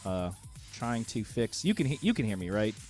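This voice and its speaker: A man's voice: on the low side, big pitch swings, normal speed, a little mellow, soft background music. A man hosting a casual live chat, his voice coming through in the right ear only while he fiddles with his audio setup. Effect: voice heard in the right ear only. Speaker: show host.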